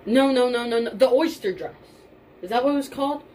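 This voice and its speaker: A young woman with a fairly high voice co-hosts a podcast, chatting casually at a quick clip. She speaks informally and emphatically, swears mildly, and often repeats herself for stress. Steady background noise and room ambience run under the recording.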